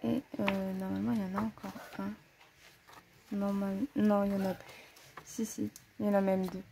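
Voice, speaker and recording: A woman presents her coloring books to the camera in a mid-range, creaky, mellow voice with little pitch movement and a moderate pace, with slight background noise. Her talk is casual and chatty, full of thinking aloud, self-corrections, hesitations and "voilà" fillers.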